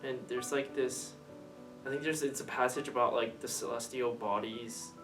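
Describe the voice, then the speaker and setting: A man's voice: medium pitch, steady tone, moderate pace. A young man from Japan, answering interview questions hesitantly with many fillers. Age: young adult. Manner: hesitant, with many likes and ums. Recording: distant mic under loud music.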